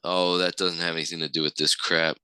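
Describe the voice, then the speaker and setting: A low-voiced man reads news stories aloud as a podcast co-host, with a very bright, forceful tone. His voice is smooth and crisp. The sound is dry and close, with no room echo. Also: level tone, a little fast.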